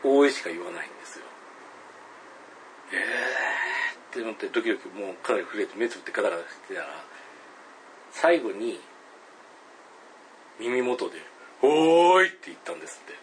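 A man telling a spooky story to a listener, hesitant with many fillers and pauses, acting out calls and voices loudly. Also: fairly low pitch, lively intonation, vocal fry, a little hiss or hum, low-quality recording.

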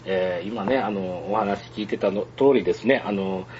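A man's voice: on the low side, moderate pace, highs cut off, noisy background. A man chatting casually on the radio, rambling with many fillers and frequent chuckles. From Hyogo, Japan.

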